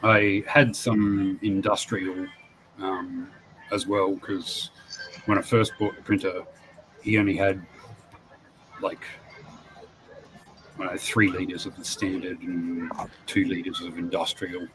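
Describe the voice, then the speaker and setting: A man co-hosting a casual stream chat, telling things at length with many pauses and ums. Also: low voice, flat delivery, fairly bright tone, slight background noise, poor audio. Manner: rambling, hesitant, many ums.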